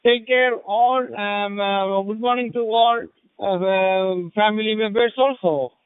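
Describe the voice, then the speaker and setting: A man's voice: sits high, steady tone, measured pace, smooth, dry recording. A man with a South Indian accent making courteous, formulaic ham radio contacts, repeating call signs over the radio. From Kerala, South India. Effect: radio transmission. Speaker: amateur radio operator. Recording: tinny, narrow-band ham radio link.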